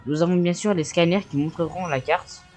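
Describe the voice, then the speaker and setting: A young man with a fairly high voice reads gaming news from his notes, pausing with fillers and tripping over foreign names. Faint music plays behind him throughout. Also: fairly even intonation, a little mellow. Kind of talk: reading a game news video.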